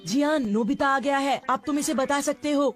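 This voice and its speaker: Bossy cartoon schoolboy woman plays him: high, conspiratorial, fussy, faint music underneath. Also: normal speed, natural voice. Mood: teasing. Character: secretive, bossy young schoolboy friend. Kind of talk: Hindi cartoon dub acting.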